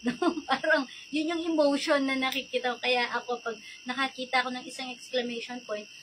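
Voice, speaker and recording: A woman's voice: high-pitched, noisy background. A middle-aged Filipino woman with a Filipino accent, chatty and explaining things in a casual tutorial vlog, often checking in with "no?". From Philippines. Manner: chatty, mixing English and Tagalog, frequent "no?" tag questions. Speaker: virtual assistant coach.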